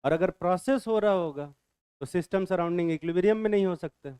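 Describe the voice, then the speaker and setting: Man, chemistry teacher, classroom lecture, bantering quizzing, smooth clear voice, dry close sound. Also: sits high, fast talker, dark tone, no echo. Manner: bantering, quizzes students and answers himself.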